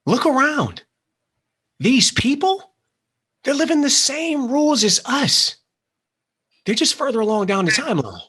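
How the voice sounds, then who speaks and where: In a dramatic table read, a male actor voices an earnest, worn-down man in recovery from gambling who is ready to gamble on something new. He sounds frustrated and insistent, with halting, confessional bursts and a very mobile pitch that swings widely. His exaggerated delivery is fairly bright with a breathy edge.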